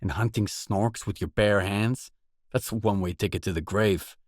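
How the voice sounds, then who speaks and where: An actor voices a wary, pragmatic male loner stalker in a video game, delivering dialogue lines in a fairly low pitch at a moderate pace with light acting. The studio-quality recording has no echo, and his delivery is terse, blunt, matter-of-fact, and disapproving.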